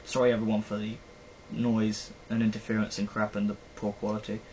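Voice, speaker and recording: His voice sits on the low side and comes out a little fast and a little mellow, the delivery completely flat. He's a young British vlogger casually rambling through a film review, full of fillers, recorded poorly with faint noise behind him.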